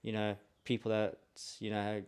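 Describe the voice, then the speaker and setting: A man with a low, smooth and resonant voice, talking as a podcast guest. He chats casually and backs up the host with enthusiasm. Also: monotone, moderate pace, a little mellow. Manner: enthusiastic, affirming. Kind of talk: casual chat.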